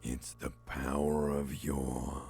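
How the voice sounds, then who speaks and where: An actor playing a sardonic, weary dead man's corpse in a video game, with a guttural rasp and a taunting, drawn-out delivery. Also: a bass voice, flat delivery, a little mellow, faint music behind, full character voice. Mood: mocking. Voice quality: very gravelly, guttural rasp, often breathy.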